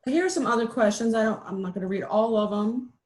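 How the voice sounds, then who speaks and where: A middle-aged woman giving a casual, chatty webinar presentation over a video call, animated and self-deprecating. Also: fairly high pitch, fast talker.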